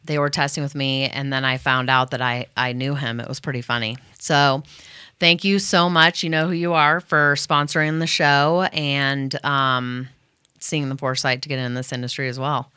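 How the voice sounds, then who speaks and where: A woman's voice: rumbling low, steady tone, moderate pace, sharp tone, clear, resonant tone, no echo. A woman radio host thanking her sponsors in a loose, rambling chat full of fillers and restarts. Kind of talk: casual thank-you to sponsors.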